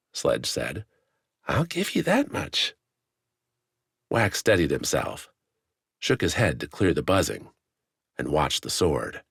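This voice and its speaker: A man narrating a fantasy audiobook in a measured, dramatic storytelling manner, on a close studio mic. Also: extremely low pitch, breathy edge, no echo. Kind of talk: scripted narration.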